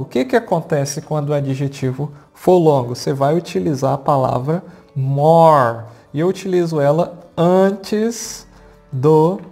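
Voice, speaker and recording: A Brazilian-accented teacher walks a class through grammar at the board, patient and steady, often stopping to check that everyone is following. The voice is gravelly and mellow, and the key words come out slow and deliberate. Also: medium pitch. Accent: Brazilian Portuguese. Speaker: English teacher. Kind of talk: explaining grammar at a whiteboard.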